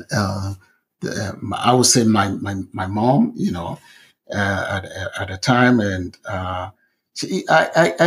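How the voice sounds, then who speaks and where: A middle-aged Ghanaian man speaks slowly as an interview guest, his voice gravelly with fry. He talks hesitantly, with lots of fillers and false starts, in a relaxed storytelling way. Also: mid-range voice. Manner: hesitant, many fillers and restarts. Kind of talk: conversational storytelling.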